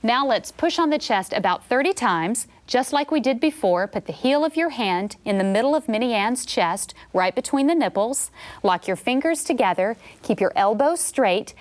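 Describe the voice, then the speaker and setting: A woman giving scripted CPR instruction, calm and clear, coaching step by step. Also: a little high.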